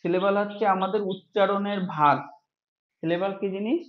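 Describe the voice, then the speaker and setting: High-voiced man teaching grammar, echoey. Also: brisk. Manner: explains step by step, stretches out example words. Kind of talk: classroom grammar lesson. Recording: echoey room, dull lo-fi sound.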